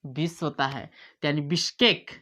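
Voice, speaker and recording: A man's voice: a little high, steady tone, normal speed, sharp tone. A man teaching memory tricks in a playful way, acting out little scenes as he explains. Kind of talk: mnemonic lesson to camera. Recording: dull lo-fi sound.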